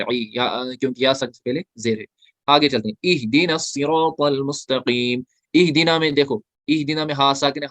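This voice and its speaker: A man's voice: medium pitch, a bit bright, no room sound. Man teaching Quran recitation online. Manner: explains step by step, asking questions and answering them himself; chants the verses slowly and drawn out between explanations. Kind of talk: online tajweed lesson.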